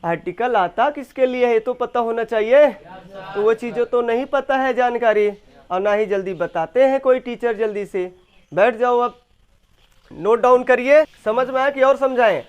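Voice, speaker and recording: A young man teaching an English grammar class, quizzing students and repeating sentences slowly. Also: very high-pitched, smooth, dull audio. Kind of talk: classroom lesson.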